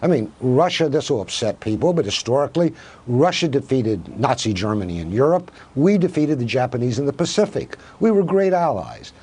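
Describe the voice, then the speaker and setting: Husky, emphatic professor, lively pitch. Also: male voice, a little fast. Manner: emphatic, argumentative, asks rhetorical questions. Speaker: professor of Russian studies, guest. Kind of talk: televised news interview.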